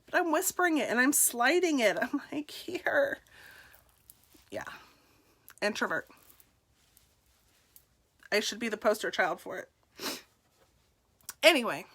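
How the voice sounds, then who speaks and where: A woman's voice: a little high, animated, moderate pace, long pauses, a bit bright. A woman in her forties telling her personal story to the camera, candid and self-deprecating, laughing often. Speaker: nurse and direct seller.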